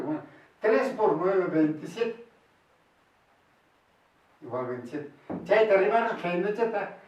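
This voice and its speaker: A man teaching a language lesson, patient and repeating each step slowly, mixing Quechua and Spanish. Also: on the high side. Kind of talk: bilingual classroom lesson. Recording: very echoey room, voice from far off.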